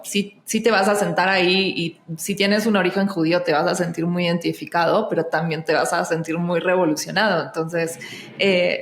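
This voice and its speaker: Argentine woman, Mexican accent, lowish voice, roomy echo, animated guest. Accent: Mexican Spanish. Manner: animated, with many fillers and self-restarts. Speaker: guest, actress and singer. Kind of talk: casual podcast conversation.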